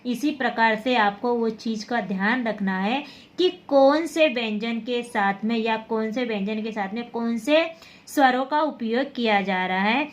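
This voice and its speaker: A woman's voice: on the high side, a little slow. A woman teaching Hindi letters, patiently repeating words and checking understanding as she goes. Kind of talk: slow classroom explanation.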